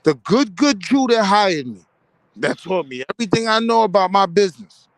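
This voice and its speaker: Higher-voiced American man explaining his point. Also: expressive, moderate pace, dry recording. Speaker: panel discussion participant. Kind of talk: casual debate.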